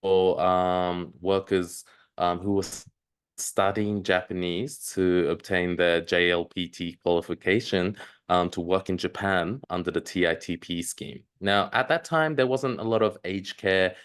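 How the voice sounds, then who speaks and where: Low-voiced man presenting a webinar. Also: steady tone, unhurried, smooth. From Australia. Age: 30s. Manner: hesitant, many ums and uhs. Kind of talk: live online presentation.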